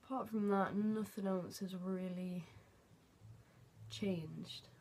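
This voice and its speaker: A young man recording a casual video diary at home, halting and hesitant, often trailing off into a near-whisper at the ends of his phrases. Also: high voice, fairly even intonation, a little mellow. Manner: hesitant, halting, with many fillers and restarts. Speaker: vlogger. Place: at home, indoors.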